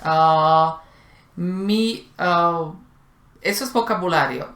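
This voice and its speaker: A woman whose first language is Slovak co-hosts a casual conversation, speaking thoughtfully with frequent hesitations and many fillers. Her lowish, slightly bright voice stretches out words, and the room sounds echoey.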